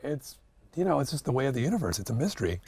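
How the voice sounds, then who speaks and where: A man's voice: mid-range voice, very animated, racing, darkish tone, slight background noise. A man in his late forties, an acupuncturist guest speaking reflectively in an interview, hesitant with many fillers and restarts. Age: 40s.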